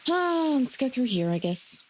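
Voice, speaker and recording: A woman's voice: high-pitched, very animated, measured pace, noisy background. A woman streaming a video game, giving casual, sweary commentary and chatting informally to viewers. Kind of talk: casual live gameplay commentary. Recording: game music behind the voice. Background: game music.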